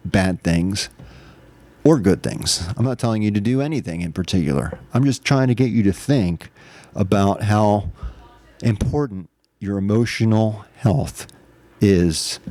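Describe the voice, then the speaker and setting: A man's voice: lowish voice, warm tone, no room sound. A man hosting his own podcast, telling a personal story in a candid, earnest, self-reflective way in casual monologue. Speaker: podcast host.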